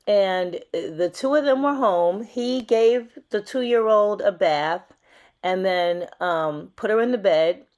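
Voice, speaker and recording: A woman's voice: medium pitch, takes it slowly, a little mellow. A woman hosting a true crime commentary channel, talking casually and chattily with fillers.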